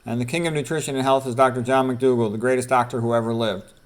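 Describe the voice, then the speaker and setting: Speaking fast in a steady, mid-range voice, a middle-aged or older male doctor presents quotes from a book. He mixes in casual remarks and repeats important phrases to stress them.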